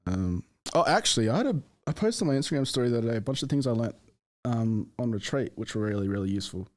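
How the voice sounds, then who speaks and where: A man's voice: mid-range voice, animated, fast. A man talking in a casual podcast conversation as a guest. He laughs often, swears casually and talks with many fillers and restarts. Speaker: podcast guest, business owner.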